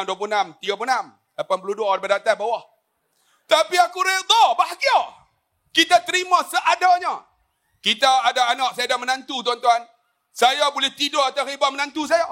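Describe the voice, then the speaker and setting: Bright, forceful and very high-pitched, the voice belongs to a man in his 50s on a religious forum panel. He tells stories with plenty of jokes and keeps turning to address the audience.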